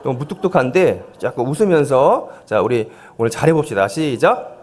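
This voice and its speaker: Here the pastor's voice is mid-pitched and darkish, moving at a moderate pace but swinging widely in pitch. The man, in his forties, holds a mic at the sanctuary pulpit, leading a volunteer seminar as a playful sermon full of audience games, jokes, light coaxing, and self-deprecating remarks.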